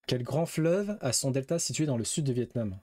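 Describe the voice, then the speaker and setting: A man's voice: medium pitch, lively intonation, normal speed, warm tone, no echo, studio quality. A man streaming a quiz game, reading questions aloud, guessing and swearing casually. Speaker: gaming streamer.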